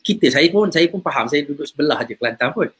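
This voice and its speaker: A man's voice: fairly high pitch, animated, fast, a bit bright, breathy edge. A man, a religious teacher, talking casually about faith and character, telling stories and repeating words as he goes. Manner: chatty storyteller, repeats words.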